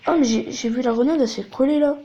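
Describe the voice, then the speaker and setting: A woman's voice: sits high, fast, mellow, lo-fi sound. A woman hosting a gaming video, chatting casually to viewers and explaining things as she plays. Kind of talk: casual gameplay commentary.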